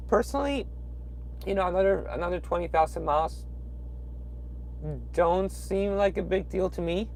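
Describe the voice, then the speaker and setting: A young Peruvian man with a Peruvian Spanish accent rambles casually through a late-night livestream from his truck cab, reading viewer comments with lots of fillers and restarts. His voice is a little high, and there's a slight hiss or hum.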